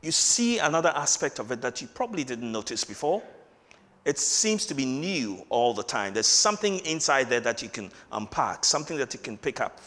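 In a church hall with long reverb, a man delivers an earnest, emphatic Christmas sermon in a bright, forceful, mid-range voice. Very animated, he hammers key words through repetition and slows right down when reading scripture aloud.

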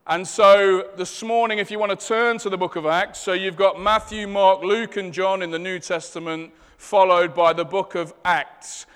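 A male preacher with a Leicester accent from the English East Midlands delivers a sermon in a high, clean and resonant voice. His phrasing is deliberate and emphatic, and the sound rings with the long reverb of a church hall. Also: fairly even intonation, a bit bright, clean tone. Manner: deliberate, emphatic phrasing, seeking amens from listeners. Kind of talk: church sermon with scripture reading and prayer. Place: large echoing room, church service.

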